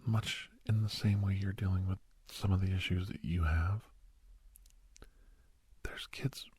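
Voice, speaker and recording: In this ASMR role-play, a man's low-sitting voice takes on the part of a calm, sincere doctor advising a young werewolf. His delivery is hushed and breathy, often dropping to a whisper, with a slow, comforting manner, and the acting is heavy.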